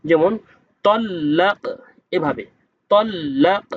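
A man teaching Quran reading, who spells out each letter and vowel mark and then slowly draws out the joined word. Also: high voice, muffled recording. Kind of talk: step-by-step spelling lesson.

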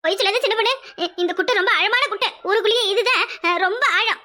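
A woman plays a plump, self-pitying village mother in a comic cartoon, with a Kanyakumari Tamil accent. Her voice is very high, squeaky and bright, and she wails and complains theatrically. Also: quick pace. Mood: sulky. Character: plump distraught village mother, weepy and dramatic.

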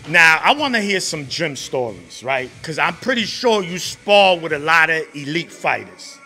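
A man's voice: a little high, lively intonation, normal speed, bright, forceful tone, faint music behind. A man hosting an interview in a boxing gym, asking questions with an upbeat, encouraging manner and many tag questions, holding a handheld mic. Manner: hyped, encouraging, repeats "right?". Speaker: interviewer, host. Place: boxing gym beside a ring, indoors.

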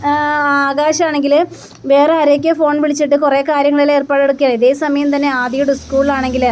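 A woman's voice: sits high, little pitch movement, quick pace, darkish tone. A woman casually retelling a TV serial episode, acting out the characters' lines between stretches of narration. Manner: acts out characters' lines in quotes while narrating, with fillers.

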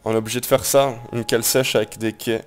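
A man's voice: mid-range voice, level tone, fast talker, smooth. Joking man narrating his gameplay. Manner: jokey and playful, coins silly made-up words, swears casually. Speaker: gameplay commentator. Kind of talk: casual let's-play commentary.

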